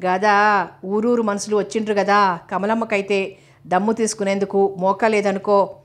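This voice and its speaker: Village servant man, rambling, chatty, even tone, read by a woman. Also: mid-range voice, moderate pace, lightly acted. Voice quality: plain dialect, rambling.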